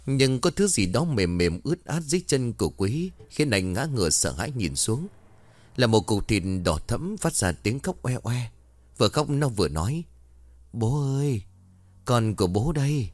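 Man narrating a spooky ghost story, lively up and down delivery, dry close sound. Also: medium pitch, normal speed, no room sound. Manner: dramatic storytelling with acted voices.

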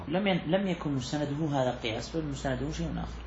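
Rapid-fire and fairly high in pitch, this sheikh teaches a class on Islamic jurisprudence, explaining a classical text, repeating key phrases and questioning his students. The sound is lo-fi, with background noise.

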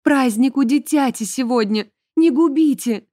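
A woman's voice: high-pitched, a little slow, dark tone, no echo, studio quality, voice pushed up. A woman voicing a frightened nanny who begs in a frantic, pleading way in an audiobook.

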